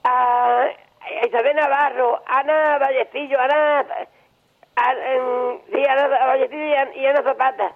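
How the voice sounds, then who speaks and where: Older male caller, unusually high pitch, halting casual talk, narrow telephone sound. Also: steady tone. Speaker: radio phone-in caller. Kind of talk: casual chat. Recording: tinny telephone line on radio.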